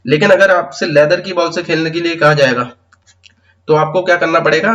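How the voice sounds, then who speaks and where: A man's voice: on the high side, fairly even intonation, a little fast, fairly bright tone, dull audio. A man teaching an exam-prep pedagogy lesson, explaining step by step in mixed with terms and often checking in with "theek hai".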